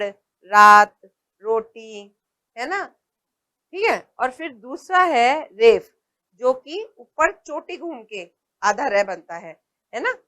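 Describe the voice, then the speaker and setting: A woman teaching small children at a very unhurried pace. Her voice sits a little high, and she says each word slowly and often more than once, pausing to check that the class is following. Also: fairly bright tone. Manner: patient, repeats words slowly and checks in with "है ना". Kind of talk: slow primary-school lesson.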